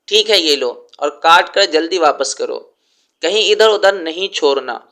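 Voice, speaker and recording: A man's voice: on the high side, lively intonation, bright, forceful tone. A man voicing a strict correcting aunt. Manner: stern, corrective, drawn-out emphasis on sounds. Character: strict aunt fussing over correct pronunciation.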